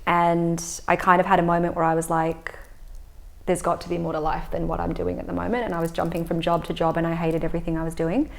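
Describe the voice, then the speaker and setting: A woman, a yoga teacher explaining her practice in a calm, measured way during a casual interview. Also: on the low side. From Australia. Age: 30s. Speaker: yoga teacher and breathwork facilitator.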